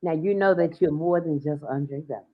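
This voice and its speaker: A woman's voice: low-pitched, moderate pace. A woman hosting a live internet radio interview, chatty and bubbly, laughing often, talking over a computer mic on a video call. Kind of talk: casual live-stream interview chat. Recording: dull lo-fi stream audio.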